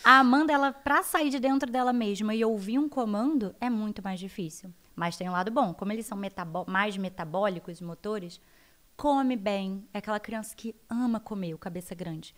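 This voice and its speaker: A woman with a Brazilian accent, a guest educator explaining child development in an animated interview. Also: medium pitch, normal speed. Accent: Brazilian Portuguese. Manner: animated, acts out her children's voices.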